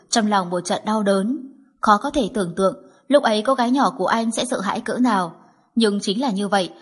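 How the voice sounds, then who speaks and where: A woman narrating a novel as a scripted audiobook, in steady storytelling. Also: mid-range voice, breathy edge.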